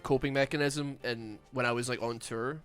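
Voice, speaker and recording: A Scottish man with a Glaswegian accent and a lisp streams a game, chatting casually in a mumbling, rambling way with many fillers. His voice is mid-range and a bit bright, with fairly even intonation at a normal speed, and soft music plays behind him.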